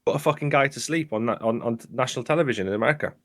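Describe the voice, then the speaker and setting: A man, a wrestler co-hosting a podcast, ranting in a heated, sweary, animated way in casual chat. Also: medium pitch, rapid-fire.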